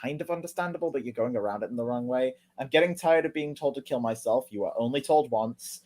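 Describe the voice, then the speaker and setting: A man talking through an online argument in casual commentary, sarcastic and easily heated, cursing freely. His voice sits at an ordinary middle pitch. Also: quick pace, darkish tone. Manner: sarcastic, heated, swears a lot. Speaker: commentary video host. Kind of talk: casual commentary reading tweets.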